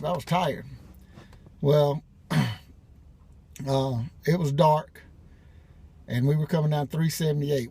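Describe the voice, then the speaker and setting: A man's voice: medium pitch, dark tone, breathy edge. A middle-aged man telling a casual, rambling story about his own life, full of restarts and everyday slang. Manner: rambling, colloquial, frequent restarts. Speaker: vlogger.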